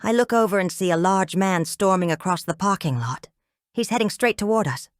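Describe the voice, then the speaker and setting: Expressive woman reading a thriller. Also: medium pitch, brisk, no room sound, studio quality. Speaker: audiobook narrator. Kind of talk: first-person thriller narration.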